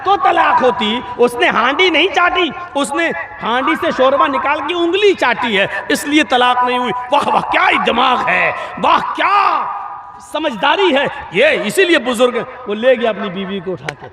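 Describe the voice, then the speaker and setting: A man preaching a sermon, telling stories with acted-out dialogue and shouting for emphasis. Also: very high-pitched, animated, few pauses. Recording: echoey hall with long reverb.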